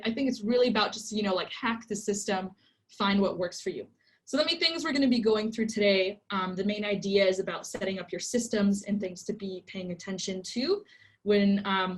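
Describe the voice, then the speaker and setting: Leading a workshop online, this presenter, a woman in her twenties who was raised in Egypt, speaks in a medium-pitched voice through her computer mic. Her style is loose and chatty, full of ums and likes.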